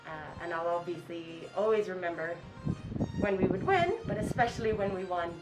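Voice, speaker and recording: A Kenyan woman in her twenties, a school counseling intern, gives earnest interview answers full of fillers and restarts while sitting outdoors on a school campus. Her fairly low, expressive voice moves at normal speed, set far back from the mic in a low-quality recording with music underneath.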